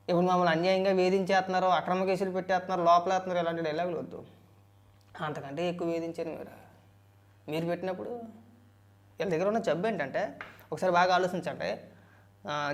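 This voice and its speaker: Fast-talking argumentative male commentator. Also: sits high. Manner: argumentative, rhetorical questions. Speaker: political commentator. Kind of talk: political commentary.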